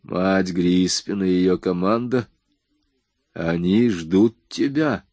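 A man's voice: low voice, takes it slowly, darkish tone, no room sound. A man reading an audiobook voices a hardened young man who gives curt, commanding orders. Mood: tense. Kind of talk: audiobook dialogue.

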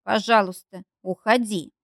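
A woman's voice: medium pitch, steady tone, a little slow, dry recording, clean studio sound, lightly acted. Woman reading as a stern tired young man. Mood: firm, weary. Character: weary, firm young man, fed up. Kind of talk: audiobook character reading.

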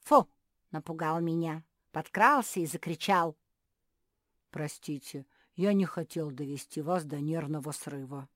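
A woman's voice: low voice, measured pace, dry recording, studio quality. A woman voicing a tiny, kind male gnome who is eager to help. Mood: friendly.

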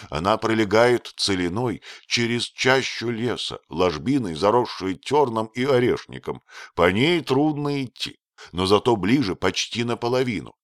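A man voicing a proud young husband and hunter, speaking in an earnest, measured way. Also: fairly low pitch, no echo, studio quality, close to an everyday voice.

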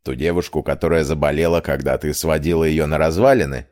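A man's voice: extremely low pitch, brisk, darkish tone. A man voicing a stern academy rector in an audiobook, speaking curtly and formally.

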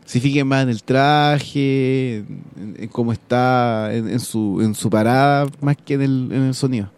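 A man's voice: mid-range voice, unhurried, darkish tone, clean tone. A man with a Chilean accent co-hosting morning radio, agreeing and adding short remarks. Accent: Chilean Spanish. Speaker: radio co-host. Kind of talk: casual morning radio chat.

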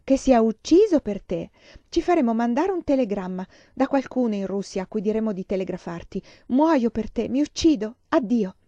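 A woman's voice: fairly high pitch, lively intonation, brisk, hardly any pauses, mellow, no echo, highs cut off. A woman voicing an eager scheming girlfriend. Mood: insistent. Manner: eager, insistent, persuasive. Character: scheming excitable young woman friend. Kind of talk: audiobook reading of a novel.

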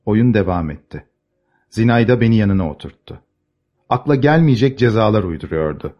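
A man narrating a classic novel as an audiobook, measured and expressive. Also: on the low side, muffled recording.

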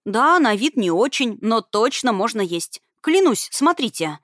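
A woman's voice: on the high side, very animated, unhurried, fairly bright tone, no echo, studio quality. A woman voicing a naive young female student who talks in an earnest, hasty, slightly frightened way, read as an audiobook character.

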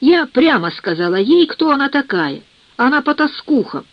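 A woman's voice: sits high, sing-song, normal speed, no room sound, voice pushed up. A woman voicing a stubborn, self-righteous older mother who rambles plaintively, in a dull, dry recording. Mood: sullen.

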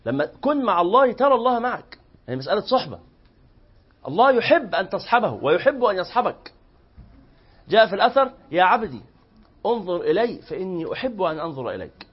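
Rapid, husky Egyptian preacher. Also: male voice, high voice, lo-fi sound. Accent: Egyptian Arabic. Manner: lively storytelling that acts out both sides of quoted dialogue. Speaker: religious teacher. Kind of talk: lecture to a live class.

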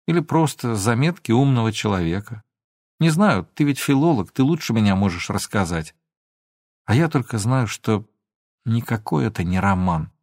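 A man reading an audiobook, voicing an emotional young woman who pleads and sometimes flares up into shouting. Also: fairly low pitch, no echo, clean studio sound. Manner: pleading, then flaring into shouts.

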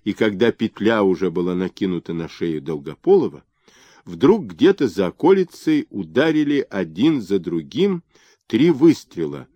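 A man narrating a historical novel as an audiobook, in slow and expressive storytelling. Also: lowish voice, dry recording, dull audio.

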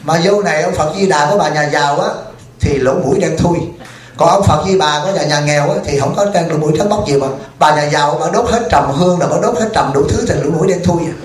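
A man's voice: fairly high pitch, fast. A male Buddhist monk giving a humorous Dharma talk at a retreat, telling stories and asking the audience questions. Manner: joking, storytelling, asks the audience questions. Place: retreat hall. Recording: echoey hall.

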